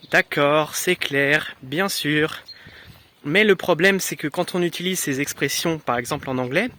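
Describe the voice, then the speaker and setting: A man from France talks through a language lesson in an unhurried, off-the-cuff way, stopping often to find his words. His voice sits a little high and sounds bright and forward. He is a young adult teacher. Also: a little hiss or hum. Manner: relaxed, many hesitations. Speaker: French teacher. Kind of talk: casual explanatory lesson.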